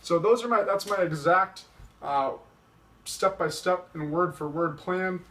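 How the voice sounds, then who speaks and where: A man's voice: sits high, unhurried, fairly bright tone, a little hiss or hum. A winded young man talking casually to the camera, boasting as he lays out his game plan point by point. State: a little winded. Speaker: vlogger challenging a friend to a video game match.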